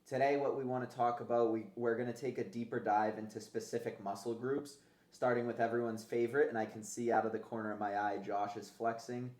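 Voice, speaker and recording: A man's voice: mid-range voice, level tone, a little fast, darkish tone. A man hosting a casual fitness podcast, talking conversationally with gym-bro slang and casual swearing. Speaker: podcast host. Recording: roomy, echoey sound.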